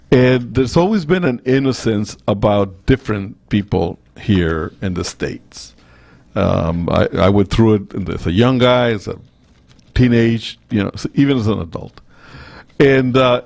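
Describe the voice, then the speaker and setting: Middle-aged Costa Rican-accented male talk radio host, gravelly tone, rambling anecdotes. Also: mid-range voice. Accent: Costa Rican Spanish. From Costa Rica. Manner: rambling, anecdotal, with many restarts.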